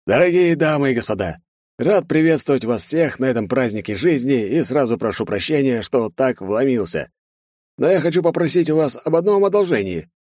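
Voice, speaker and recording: A man's voice: medium pitch, expressive, a little fast, a little mellow, no echo, clean studio sound, pitched above the performer's own voice, lightly acted. A man voicing a sneering terrorist leader who mocks his hostages with theatrical politeness in a story reading. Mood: mocking. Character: gloating masked male terrorist leader.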